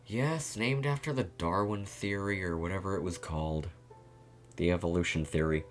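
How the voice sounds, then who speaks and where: Deep-voiced, giggly male streamer. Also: normal speed, faint music behind. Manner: giggly, rambling, laughs often. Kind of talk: casual game playthrough commentary.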